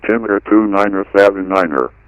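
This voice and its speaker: A man's voice reading an automated airport weather broadcast over the radio, reciting numbers and runway notes in an even, clipped way. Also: fairly low pitch, fast talker, low-quality recording. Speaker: automated airport information recording.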